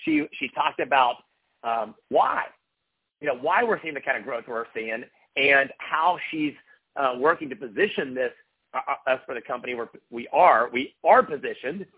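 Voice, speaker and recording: A man's voice: mid-range voice, expressive, moderate pace, husky. Upbeat corporate man on a phone line. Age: middle-aged. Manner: polished corporate enthusiasm, upbeat and emphatic. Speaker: company executive addressing distributors. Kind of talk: motivational business talk. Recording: thin, muffled telephone line.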